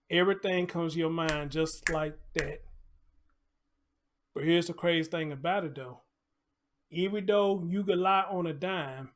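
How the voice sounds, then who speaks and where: An American man with a slightly high voice hosts a casual live commentary show. He talks conversationally, slipping in preacher-like asides, repeated phrases and rhetorical questions.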